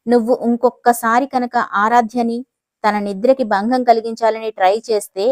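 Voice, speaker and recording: A woman voicing a cold, menacing young businessman who speaks in a calm, dismissive way. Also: fairly high pitch, normal speed, dry recording, studio quality, close to an everyday voice. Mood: cold, controlled.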